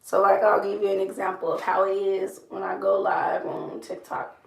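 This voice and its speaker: Young woman, strained throaty creaky voice. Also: medium pitch, completely flat delivery, moderate pace. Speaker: makeup vlogger. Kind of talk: casual chatty get-ready-with-me. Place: small room indoors. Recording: roomy echo, light background noise.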